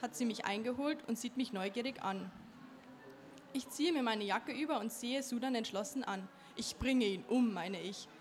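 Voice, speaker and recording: A woman's voice: fairly high pitch, normal speed, a little hiss or hum. A teenage girl reading aloud from her own novel in an earnest way, with a few small slips. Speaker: young author.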